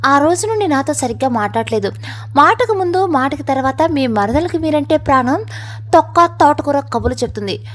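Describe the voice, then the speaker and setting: A woman's voice: high voice, lively intonation, normal speed. A woman voicing a lovesick young woman who speaks plaintively.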